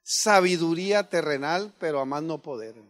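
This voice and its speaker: A man's voice: a little high, moderate pace, fairly bright tone. A man, a pastor giving an earnest, conversational sermon and firing rhetorical questions at the congregation. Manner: earnest, addresses listeners as brothers, rhetorical questions.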